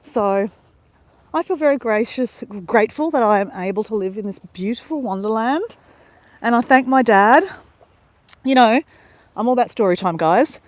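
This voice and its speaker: A woman's voice: a little high, expressive, moderate pace, pauses often, dry recording. A woman with an Australian accent, chatting in a bubbly, rambling way to viewers of her live stream, recorded outdoors on a beach at sunrise on a handheld phone. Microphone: handheld phone camera.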